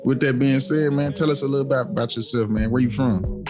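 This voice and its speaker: A man's voice: mid-range voice, steady tone, quick pace, music in the background. A man hosting a casual podcast, easygoing and often repeating "for real, for real.". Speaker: podcast host.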